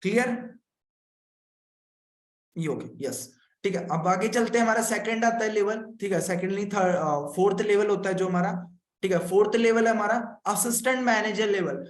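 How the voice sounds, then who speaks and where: A man from India with a fairly high voice walks live viewers through a marketing plan, repeating each point. He keeps saying "okay" and asking if everyone follows. The sound rings around an echoey room. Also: normal speed. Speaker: business consultant teaching a marketing plan. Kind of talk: live-streamed explanation to viewers.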